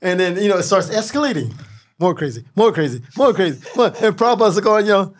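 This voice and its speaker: Older Midwestern man, chatty guest storyteller, slightly high voice, laughs a lot. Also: fast. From Midwestern United States. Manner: animated storyteller, laughs often, many you-knows. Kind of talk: casual storytelling interview.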